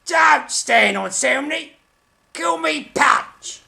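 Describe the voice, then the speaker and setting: A hammy old-school male puppet thespian, vain and easily offended. The voice is high, sharp and heavily creaky, drawn out slowly with pompous theatrical relish in a comic puppet interview. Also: lively intonation, exaggerated voice. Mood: hammy, self-satisfied. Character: vain hammy male puppet stage actor, Mr. Punch, touchy. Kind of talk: comic mock interview in character.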